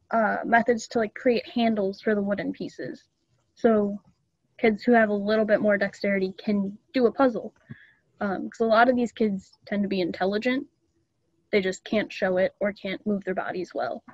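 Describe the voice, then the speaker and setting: A woman's voice: mid-range voice, steady tone, normal speed, darkish tone, no room sound, lo-fi sound. A young woman casually explaining things to a club meeting, chatty and loose with ums and small laughs, over a video call. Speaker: student club presenter.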